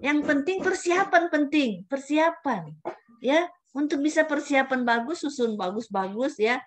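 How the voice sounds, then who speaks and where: A woman's voice: sits high, lively intonation, unhurried. Chatty woman mentor, tagging sentences. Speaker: training mentor. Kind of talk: online guidance session. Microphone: camera at a computer.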